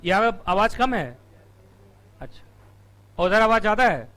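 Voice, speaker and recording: A male company law teacher, giving a live classroom lecture. He teases the students, asks them questions and answers them himself, and his throat is strained from shouting. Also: sits high, expressive, measured pace. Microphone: room mic.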